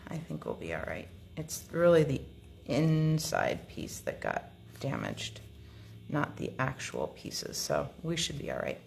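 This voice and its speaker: Low-voiced lady unboxing craft supplies, chatty, lots of ums, takes her time. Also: vocal fry, a little hiss or hum. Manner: chatty, thinking aloud with frequent ums. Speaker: card-making tutorial host. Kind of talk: casual unboxing demonstration.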